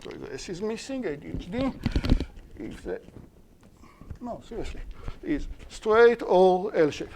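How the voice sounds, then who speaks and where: A male university lecturer who speaks Hebrew explains an algorithm in English for a live stream, his slightly high, mellow voice taking on a sing-song quality. He pauses to restart and correct himself step by step, over slight background noise.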